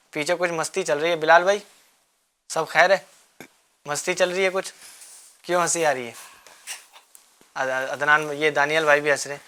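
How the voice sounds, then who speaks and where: A man hosting a children's religious show, coaxing the kids with repeated questions and gentle teasing. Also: a little high, clear, resonant tone. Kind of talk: quizzing children in a studio class.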